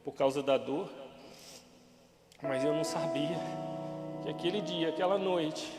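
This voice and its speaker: A man's voice: fairly high pitch, unhurried. A man speaks to a church congregation in a raised voice, his testimony heavy with emotion. The hall rings with a long echo, and instrumental music plays behind him throughout. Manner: emotional, rising to shouting at peaks.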